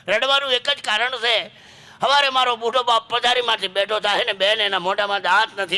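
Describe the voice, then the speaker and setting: Brief: poor young village daughter, tearful and devoted, bright pleading storyteller's voice, as a woman puts her on. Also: mid-range voice. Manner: pleading, sorrowful.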